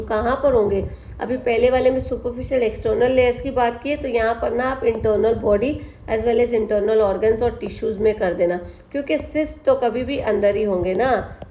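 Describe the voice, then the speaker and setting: A woman teaching a biology exam-prep lesson, reading textbook lines slowly, then explaining them, asking questions and answering them herself. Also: fairly high pitch, dark tone. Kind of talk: exam-prep lesson in mixed Hindi and English. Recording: echoey room, faint background noise.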